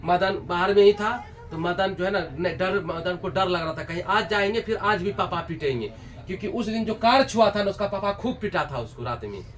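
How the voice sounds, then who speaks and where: A male teacher retells a story for students in a lively way and keeps asking them quick questions. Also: sits high, distant mic. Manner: lively, with constant check-in questions.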